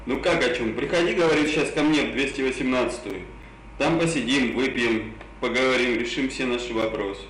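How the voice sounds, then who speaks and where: A man's voice: mid-range voice, fairly quick, fairly bright tone. A man coaxing insistently in a casual phone chat, repeating himself, his r sounds burred and indistinct. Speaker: prank caller. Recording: echoey phone call, faint noise.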